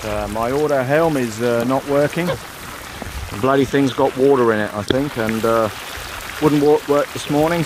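A man's voice: medium pitch, background noise. A man in his fifties with an Australian accent, chatting casually to his own camera with lots of "uh" fillers. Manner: rambling, many "uh" fillers, laid-back. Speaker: sailing vlogger. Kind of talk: casual self-filmed commentary. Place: outdoors on a windy beach and on a small sailboat. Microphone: camera mic, handheld or mounted.

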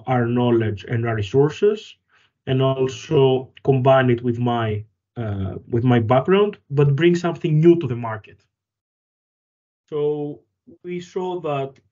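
A man from Greece answers interview questions in a thoughtful, halting way, full of fillers and restarts. His pitch sits in the middle range, and the line sounds a little dull and muffled. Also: a little mellow. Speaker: company founder and guest.

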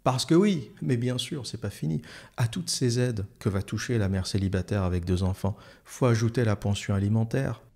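A man's voice: fairly low pitch, normal speed, gravelly, darkish tone. A man delivering a heated, sarcastic solo monologue as an online commentator, using crude slang and frequent hesitation fillers.

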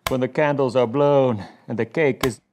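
A man's voice: medium pitch, steady tone, moderate pace, a little mellow, slight background noise, close to an everyday voice. A man doing a sketch comedy impression of a pompous, needy masked supervillain with grandiose, lilting theatrical menace.

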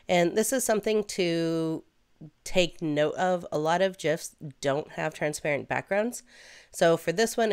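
A young woman with a low, smooth voice walks through a software tutorial. She keeps it chatty and playful and drifts into light asides now and then. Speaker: host. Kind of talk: screen-recorded software tutorial.

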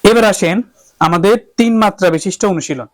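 A man's voice: high voice, fairly quick, dry recording. A man teaching a singing lesson who explains each step, checks in with the class, and sings vowel exercises. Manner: explains step by step, often asks "okay?", then sings sustained vowel drills. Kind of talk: vocal lesson with harmonium.

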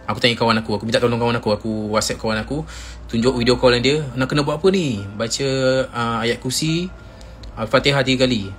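Young Malaysian guy storytelling on a phone live stream, lively delivery, faint music underneath. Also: medium pitch, fast talker. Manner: animated, acts out friends' shouts in quoted lines. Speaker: Instagram live host.

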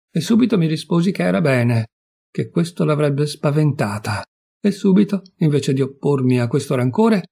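Husky man reading an audiobook. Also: on the high side. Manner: intense, swelling to shouted fury in angry passages. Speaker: audiobook reader.

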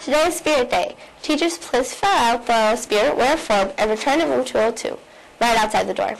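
A young woman student reading the school's morning announcements from the studio in a bright read-aloud way. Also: a little high, normal speed, gravelly, poor audio.

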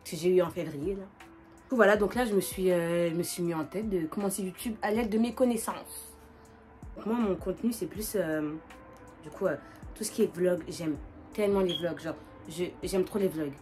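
A woman in her twenties with a northern French accent, chatting casually and quickly as a vlogger while doing her makeup, with lots of fillers and restarts. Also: fairly low pitch, soft background music. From northern France. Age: 20s. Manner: fast, animated, many fillers and restarts.

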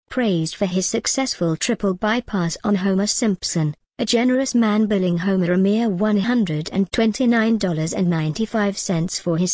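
A woman's voice: medium pitch, a little mellow, no room sound, clean studio sound. Wry woman delivering a scripted monologue. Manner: wry, jokey asides amid earnest persuasion. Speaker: video creator.

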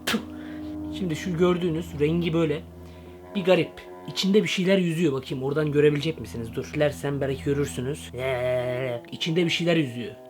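Young guy w a slightly high voice, excitable slangy vlog chatter, jumps between asides. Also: fast, music in the background. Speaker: comedy vlogger. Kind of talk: comedic parody vlog.

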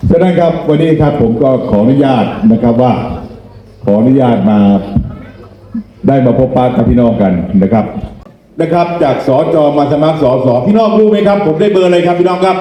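A man delivers a campaign rally speech in a high but soft-toned voice. He speaks in a folksy way, often turning to his listeners with questions. The sound is heavily echoed, like a public address system. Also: fairly quick. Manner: folksy, repeatedly asking the crowd questions. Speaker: parliamentary election candidate. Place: rally venue, speaking to a gathered crowd.

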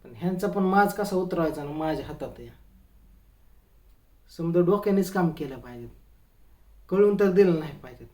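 A comedian talking to camera in a comic vlog, telling stories in an exasperated, grumbling way. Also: male voice, fairly high pitch, lively intonation, moderate pace, pauses often, darkish tone.

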